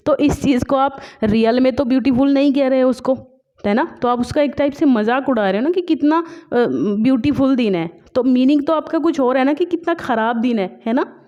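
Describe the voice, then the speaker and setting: A woman teaching English literature for exam prep, explaining in Hindi mixed with English, often checking in with "है ना?" and reading English examples slowly. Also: fairly high pitch, mellow. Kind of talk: online exam-prep class. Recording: dull lo-fi recording.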